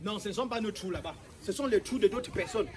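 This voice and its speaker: A man's voice: high voice, quick pace, natural voice. A man playing a young, officious traffic police officer fresh from training, who talks sternly and repeats curt orders in a comedy sketch. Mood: insistent. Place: outdoors at a roadside checkpoint.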